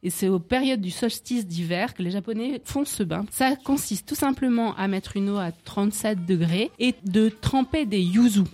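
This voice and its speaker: A woman's voice: medium pitch, normal speed, hardly any pauses, a little mellow. Chatty woman explaining beauty remedies. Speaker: beauty book author guest. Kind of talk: casual radio chat.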